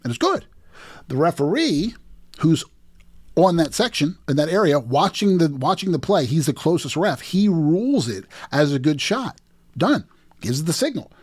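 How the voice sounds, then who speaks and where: A middle-aged man narrates game footage like a sports commentator, his pitch leaping and dropping as he drives home each moment. He talks in emphatic bursts, repeating key phrases and restarting as he builds the case. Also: slightly rough. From New Jersey. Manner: animated play-by-play, emphatic restarts. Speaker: host breaking down game footage.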